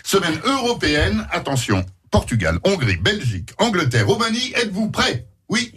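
Jovial radio host, lively pitch. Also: male voice, moderate pace, a loud crowd. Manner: jovial, playful with words.

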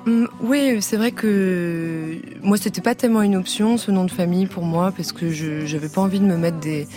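A young woman from France, a singer being interviewed on radio, talking softly and hesitantly with frequent laughs. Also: lowish voice, moderate pace, faint music behind. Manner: hesitant, soft-spoken, laughs often. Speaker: singer guest.

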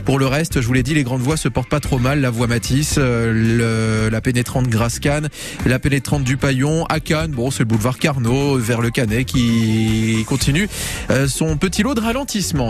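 A man's voice: mid-range voice, normal speed, over music. A male radio host presenting live in a conversational, improvised way with hesitant phrasing.

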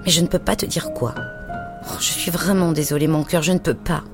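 A woman voicing a gentle, mysterious young mother who speaks tenderly and in hushed tones, with music underneath. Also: sits low, fairly even intonation, brisk. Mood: apologetic.

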